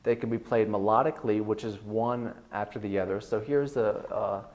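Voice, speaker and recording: The sound is lo-fi as a bass-baritone man, speaking at normal speed, teaches guitar in an online video. He rambles in an easygoing way, using many fillers.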